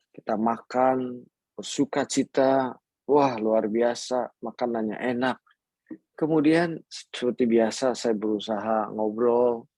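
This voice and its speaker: A man's voice: mid-range voice, darkish tone, dry recording. A man preaching a sermon, telling personal stories in a playful way and mixing in English words.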